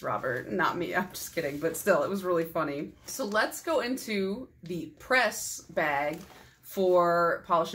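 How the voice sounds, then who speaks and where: A young woman with a mid-range, slightly bright voice chats through a casual nail polish haul vlog, self-deprecating and laughing often. She's tired, and her voice is giving out.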